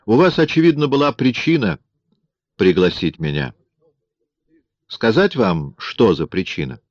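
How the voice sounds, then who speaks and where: A man voicing a cold, mocking man in an audiobook, with a smooth, coolly taunting manner. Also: lowish voice, big pitch swings, unhurried, dry recording, highs cut off, voice pushed up. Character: cold, mocking man forcing himself on a woman. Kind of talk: audiobook character reading.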